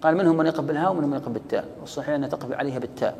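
A man teaching the rules of pausing in Quran recitation, explaining a verse text line by line and reciting examples. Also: a little high, gravelly, darkish tone, long reverb tail, slight background noise. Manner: quotes verses and recites examples, repeating key words.

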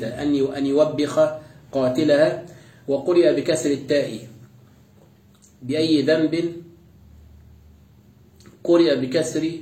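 Flat-voiced man teaching tafsir in an echoey room. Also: medium pitch. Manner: recites a verse, then glosses each word. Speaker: Quran exegesis teacher. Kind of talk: tafsir lesson, verse by verse. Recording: echoey room, voice distant from mic.

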